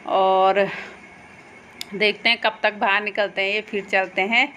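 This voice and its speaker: A woman's voice: mid-range voice, flat delivery, measured pace, sharp tone, a little hiss or hum. A young woman narrating a casual outdoor vlog into her phone, chatty and pointing things out as she walks by a mountain stream and fields. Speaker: vlogger.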